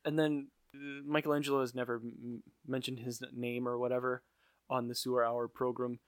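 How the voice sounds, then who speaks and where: A man's voice: mid-range voice, little pitch movement, brisk, no echo. A man co-hosting a podcast, recapping a cartoon episode in a tired, sarcastic, casual way. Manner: dry, weary, sarcastic. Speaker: podcast co-host.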